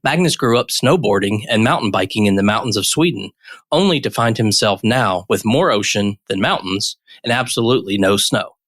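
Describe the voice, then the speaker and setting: A podcast host and interviewer delivers scripted introductions and asks a guest questions. His lowish, fairly bright voice moves at normal speed, recorded at studio quality with no room sound.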